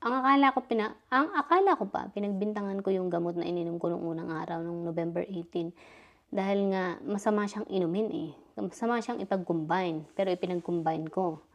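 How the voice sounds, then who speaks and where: A woman's voice: lowish voice, fairly quick. A middle-aged woman, still a bit dizzy, chatting through a personal story and acting out the dialogue. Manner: chatty, retelling dialogue, frequent fillers. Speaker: vlogger. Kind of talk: casual storytelling vlog.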